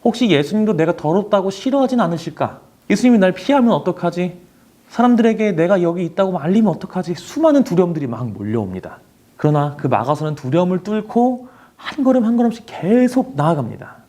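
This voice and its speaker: Young man, youth pastor, lively storytelling sermon, animated pitch, mellow tone. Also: fast talker. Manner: dramatic storytelling, voices inner thoughts. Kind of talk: sermon to teenagers.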